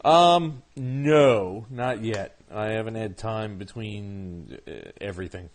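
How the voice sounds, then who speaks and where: A man's voice: lowish voice, slow, slight background noise. A man co-hosting a casual podcast about comic books, joking, swearing freely and laughing often. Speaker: podcast co-host.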